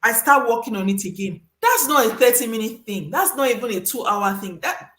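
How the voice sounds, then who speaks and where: A woman hosting a casual advice talk, emphatic and animated, acting out little scenes with sudden high voices. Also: a little fast, echoey room. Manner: emphatic, repeats for stress. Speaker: host giving career advice.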